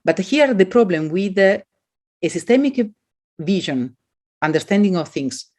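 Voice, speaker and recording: An academic with an Italian accent, this woman answers questions expressively but haltingly, her voice sitting at a medium pitch.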